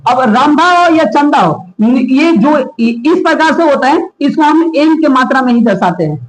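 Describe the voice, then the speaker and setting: A man's voice: extremely high pitch, animated, normal speed. A male teacher giving a classroom lesson, constantly quizzing his students with repeated questions. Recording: echoey classroom.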